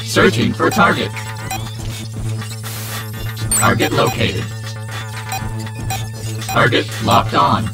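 A voice performing a cold, mechanical search turret, giving flat, clipped announcements through a robotic effect. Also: medium pitch, extremely slow, long pauses. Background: music.

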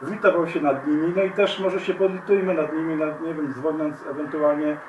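A man's voice: fairly high pitch, steady tone, distant mic, highs cut off, slight background noise. Earnest man in an echoey room. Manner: earnest, appealing to viewers, halting with fillers. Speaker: commentator. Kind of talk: spoken video commentary.

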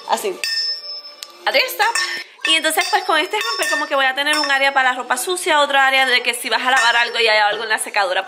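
Holding the camera at arm's length, a high-voiced woman chats about family life, addressing her viewers as if they were friends. She films both at home and at an outdoor café, and the audio is a noisy home recording.

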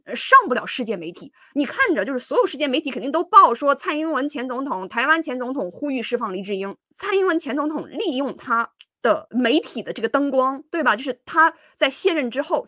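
A woman's voice: sits high, big pitch swings, brisk, bright, forceful tone, no echo, studio quality. A woman hosting a livestream of political commentary, talking casually with many fillers and restarts and breaking into scolding asides.

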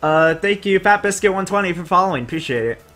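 Excitable young male game streamer. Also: sits high, fast, soft background music. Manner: excitable, thanks viewers and reads chat aloud. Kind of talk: casual live-stream commentary.

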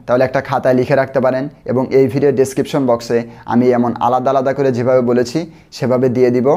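A man teaching pronunciation, breaking long words into syllables and repeating them slowly for learners to echo. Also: medium pitch, dark tone. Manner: drawn-out careful repetition for learners to echo. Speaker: English vocabulary teacher. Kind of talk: slow pronunciation lesson, syllable by syllable.

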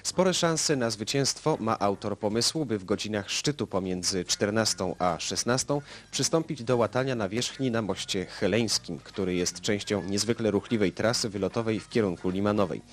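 Lowish guy doing old newsreel narration, dry mock-solemn irony. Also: lively intonation, moderate pace, pauses often. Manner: ironic, mock-solemn announcer delivery.

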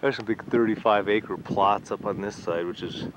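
A man's voice: fairly low pitch, steady tone, normal speed. A man casually narrating a home video outdoors on a rural property, pointing things out as he tours his land, heard through an old camcorder mic. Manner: chatty, points things out while touring. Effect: old camcorder audio. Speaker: homeowner filming his property. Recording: dull lo-fi camcorder sound with faint hiss.

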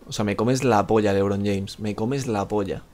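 A man's voice: on the low side, fairly even intonation, normal speed, a little mellow. A man with a Spanish accent chatting live while playing a game, rambling, joking at himself and swearing freely. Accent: Spain Spanish. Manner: rambling, self-mocking, swears a lot. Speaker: gamer streaming live. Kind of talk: live gameplay commentary.

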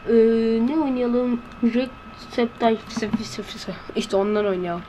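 A woman giving let's-play commentary in a hushed voice, blurting excitable reactions and slang while playing. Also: on the high side, unhurried, slight background noise. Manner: talking in a hushed voice. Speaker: gameplay commentator. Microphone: close to a desk microphone.

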